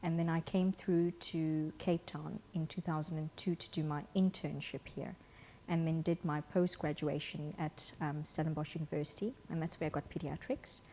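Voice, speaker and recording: A woman from Kenya, a pediatric rheumatologist guest on a studio talk show, speaking in a friendly, steady way. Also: low-pitched, moderate pace, slight background noise.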